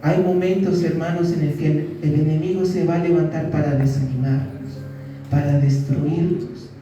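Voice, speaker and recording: A man's voice: on the high side, fairly even intonation, normal speed, mellow, faint music behind. A male pastor preaching a sermon in a church, asking his listeners questions and acting out what people said. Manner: preaching with rhetorical questions and acted quotes. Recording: very echoey church hall, mic at a distance.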